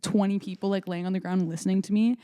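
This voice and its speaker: Mellow young woman chatting casually. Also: mid-range voice, fast, smooth, long reverb tail. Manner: relaxed, filler-heavy, says "like" constantly. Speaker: podcast co-host. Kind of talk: casual chat.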